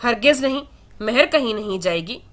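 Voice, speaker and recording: A woman's voice: a little high, lively intonation, a bit bright. A woman voicing Aila, an emotional young woman who is defiant and pleading, in a read-aloud romance novel. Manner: defiant, then tearful and pleading.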